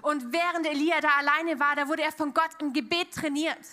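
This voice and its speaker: A woman interpreting a sermon live, echoing the preacher's expressive tone. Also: sits high, fairly quick.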